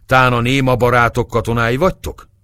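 A man voicing a hot-tempered young officer who speaks loudly and with command. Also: lowish voice, wildly swooping pitch, no room sound, clean studio sound, pitched above the performer's own voice, exaggerated voice. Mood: angry. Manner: loud, forceful, commanding.

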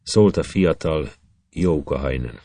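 A man reading an epic poem aloud in measured, rhythmic verse. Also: extremely low pitch, dark tone, no echo. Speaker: reader.

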